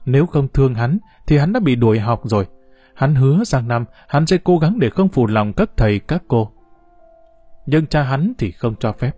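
A man narrating a novel for an audiobook in a calm, measured storytelling voice. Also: mid-range voice, no echo, soft background music. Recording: dull, slightly muffled recording.

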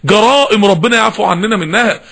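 A man's voice: high-pitched, fast, creaky, fairly bright tone. A middle-aged man preaching an impassioned sermon in an Egyptian accent, scolding his listeners with rhetorical questions. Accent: Egyptian Arabic. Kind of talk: fiery sermon.

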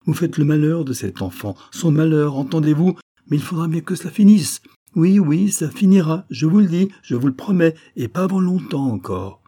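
A man reading aloud and voicing a fierce old female servant, with shrill, furious outbursts. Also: flat delivery, normal speed, hardly any pauses, mellow, close to an everyday voice. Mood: indignant.

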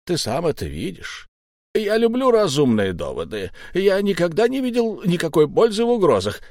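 A man's voice: high voice, wildly swooping pitch, moderate pace, a little mellow, dry recording, studio quality, pitched above the performer's own voice, full character voice. A man putting on a sly, coaxing old pirate captain. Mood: smooth mocking. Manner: mock-friendly, coaxing, menacing underneath.

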